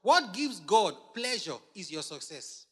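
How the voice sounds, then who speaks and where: High, lively preaching man in a hall. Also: unhurried, slightly rough. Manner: emphatic preaching, repeating phrases, asking the congregation questions. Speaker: pastor. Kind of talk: sermon. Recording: long hall reverb.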